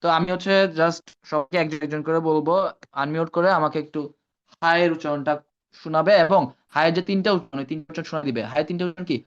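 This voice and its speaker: A man teaching Arabic pronunciation in an online class, drilling sounds slowly and correcting students by name. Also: fairly high pitch, fairly even intonation, dull audio. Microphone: video call.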